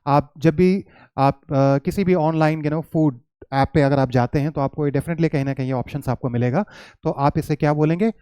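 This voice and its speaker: An Indian man gives an English pronunciation lesson, patiently saying each word again slowly for his students. His voice sits fairly high but sounds mellow and soft. The recording is dry and close, with no room echo. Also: clear, resonant tone. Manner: patient, repeats words slowly to model pronunciation; mixes Hindi with English words and phrases. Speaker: English teacher. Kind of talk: classroom lesson explanation.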